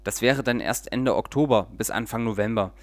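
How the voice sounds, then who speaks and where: A man's voice: lowish voice, moderate pace, no room sound, lightly acted. Earnest fussy plum grower, read by a man, storybook figure, dry close sound. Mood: puzzled.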